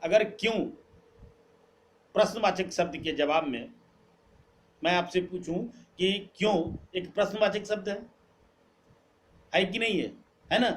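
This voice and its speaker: Man, high-pitched voice, grammar teacher, quizzing students, repeats each answer, faint background hiss. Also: unhurried, pauses often. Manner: repeats key words, asks questions then answers them. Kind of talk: classroom-style lesson, quizzing students.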